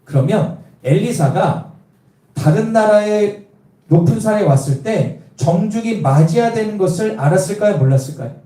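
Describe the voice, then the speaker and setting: Guy preaching, high pitched, keeps asking the crowd questions, echoey hall. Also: expressive, normal speed, warm tone. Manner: storytelling, quizzing the congregation with questions. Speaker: pastor. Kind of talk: sermon. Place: church. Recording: echoey room, voice from a distance.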